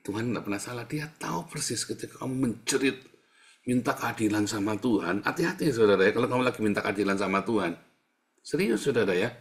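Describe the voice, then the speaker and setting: A male pastor preaching in a colloquial, teasing manner, jumping between loud bursts and hushed asides. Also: on the low side, lively intonation, fast. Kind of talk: sermon.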